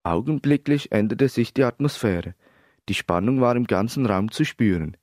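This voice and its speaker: Male storybook narrator, mid-pitched, steady, dry close mic. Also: normal speed, dry recording. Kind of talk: storybook reading.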